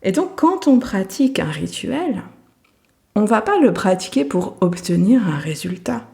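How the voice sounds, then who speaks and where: A woman yoga teacher hosting her podcast, speaking gently and thoughtfully with frequent hesitations and soft laughs. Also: medium pitch, very animated, a little slow, gravelly. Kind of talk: reflective podcast monologue.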